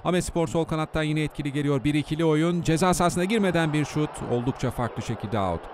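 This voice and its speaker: Higher-pitched man commentating football highlights. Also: fast talker, a little mellow, slight background noise. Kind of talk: match highlights commentary, voice-over.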